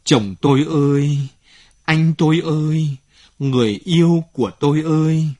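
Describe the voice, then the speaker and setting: A man's voice: medium pitch, expressive, unhurried, breathy edge. A man voicing a grieving queen who wails her lament, in a storybook reading. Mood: wailing grief. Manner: wailing lament.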